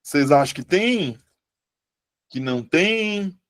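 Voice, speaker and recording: A man teaching a live online Portuguese lesson, chatty and lively, often putting questions to his students. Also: fairly high pitch, slow, no room sound, studio quality.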